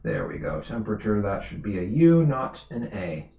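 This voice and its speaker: A man's voice: fairly low pitch, very animated, normal speed, vocal fry, roomy sound, highs cut off. A man tutoring physics on a live stream, explaining patiently, repeating himself and correcting his own slips as he goes.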